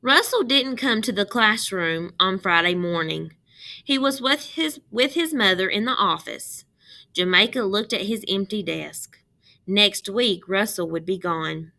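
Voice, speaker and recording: This storyteller reads a picture book to kids in a mid-range voice, expressive and unhurried, breaking off to pose questions to her young audience.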